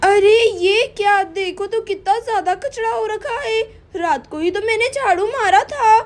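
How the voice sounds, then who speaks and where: A woman's voice: very high-pitched, measured pace. A woman voicing a busy young housewife who chats to herself and scolds her husband in a doll story. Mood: chatty. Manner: chatty, scolding, talking to herself.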